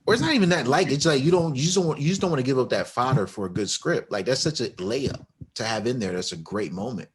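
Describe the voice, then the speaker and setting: A man's voice: mid-range voice, lively intonation, fast, few pauses, breathy edge. A man co-hosting a podcast, chatting casually, joking and acting out quotes in funny voices. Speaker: podcast co-host. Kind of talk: casual chat.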